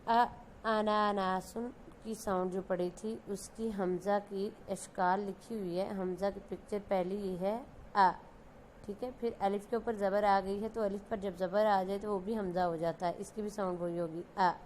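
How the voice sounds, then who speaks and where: A woman teacher with a Pakistani Urdu accent gives a Quran reading lesson for young children, slowly drawing out and repeating each letter sound. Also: medium pitch, fairly even intonation, darkish tone, slight background noise. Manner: slow, drawn-out letter sounds, repeated for students.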